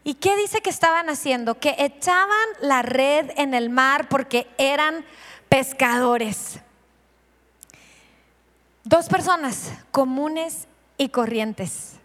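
Speaking slowly in a large hall, a woman pastor whose voice sits high delivers a lively sermon. She questions the congregation and dramatizes the scenes in her story.

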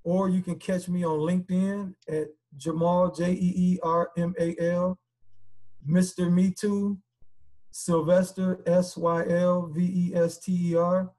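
This man, a guest on a podcast, has a high-sitting voice that is warm, level, and unhurried. He talks earnestly and casually, repeating himself and using lots of filler words.

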